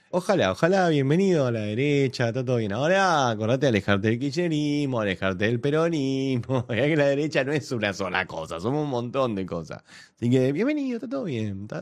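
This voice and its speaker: A man with an Argentine accent giving sarcastic, mocking reaction commentary. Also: mid-range voice. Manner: sarcastic, mocking, laughs often.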